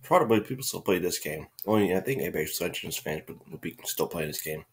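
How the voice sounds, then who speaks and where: A man's voice: deep voice, lively intonation, brisk. A young man giving casual, amused commentary as host of a reaction video. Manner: amused, often chuckling.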